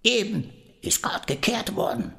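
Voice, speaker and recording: A man's voice: sits high, expressive, unhurried, vocal fry, fairly bright tone, voice pushed up, heavily acted. A man voicing the devil's scolding old grandmother in a storybook reading, speaking fussily in a raised, half-whispered voice. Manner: fussy, chiding, half-whispered.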